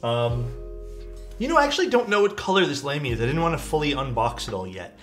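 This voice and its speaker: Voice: mid-range voice, big pitch swings, fast, faint music behind. A live streamer chatting casually with viewers, thanking them and using slangy, mildly sweary talk full of dude and bro.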